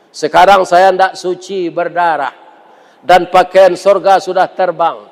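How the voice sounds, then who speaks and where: A man's voice: a little high, voice pushed down. A man voicing a tearful woman pleading with her husband, as part of a sermon. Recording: reverberant mosque hall.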